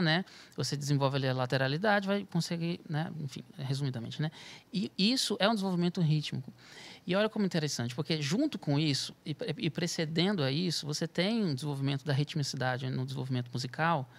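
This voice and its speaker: A man's voice: a little high, fairly bright tone. A man, a music therapist and podcast guest, explains at length, restarting his phrases, adding tag questions and sometimes chanting rhythm syllables to demonstrate. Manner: thinks aloud with frequent restarts and tag questions.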